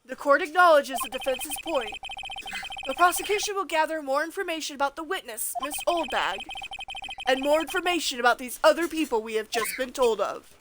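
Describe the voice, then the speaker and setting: A woman's voice: sits high, lively intonation, fairly quick, very noisy. A woman voicing an authoritative male judge in a courtroom video game, speaking in formal, stately pronouncements. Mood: solemn.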